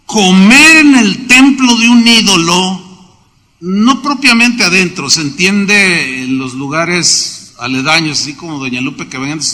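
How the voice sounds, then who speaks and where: A man preaching a sermon as pastor, telling stories with lively asides. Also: sits high. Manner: storytelling preacher who acts out quoted voices. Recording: long reverb of a large hall.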